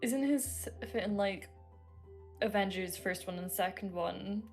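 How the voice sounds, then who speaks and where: A woman's voice: mid-range voice, a little slow, soft background music. A woman playing her character in a game roleplay chat, teasing and giggly, often trailing off mid-sentence. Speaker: roleplay player.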